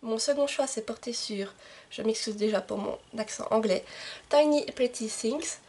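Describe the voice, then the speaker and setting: A woman's voice: fairly high pitch, moderate pace, a little mellow, slightly rough. A woman book vlogger talking casually to the camera, presenting books with many fillers and self-corrections. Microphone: camcorder microphone.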